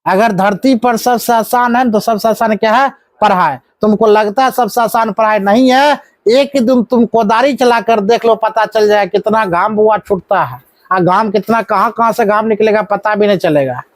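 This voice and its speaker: A man's voice: high-pitched, moderate pace, dry recording. A male math teacher, running a live classroom lesson and firing questions at the students, with scolding asides. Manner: coaxing call-and-response, scolding asides.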